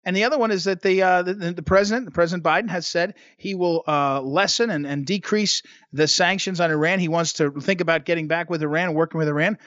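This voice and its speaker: High-voiced guy hosting talk radio, keeps restarting sentences, dry dull lo-fi sound. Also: fast, few pauses, fairly bright tone, no room sound. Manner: rambling, restarts sentences, argumentative. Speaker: fill-in radio talk host. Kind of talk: political talk radio monologue.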